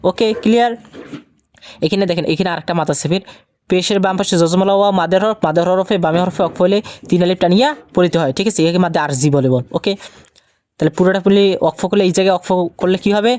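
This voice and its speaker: A man teaching Quran reading, patiently asking questions and answering them himself, and slowing to a drawn-out chant when he recites verses. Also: high voice, darkish tone, dry recording. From Bangladesh. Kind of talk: recorded Quran recitation lesson.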